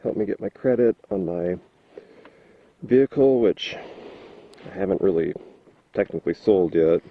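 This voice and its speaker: A man's voice: deep voice, expressive, moderate pace, phone-quality sound, a little hiss or hum. A man chatting casually while riding a motorcycle, rambling and easygoing as he thinks aloud, picked up on a helmet mic. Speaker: motorcycle vlogger. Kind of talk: casual motovlog chat.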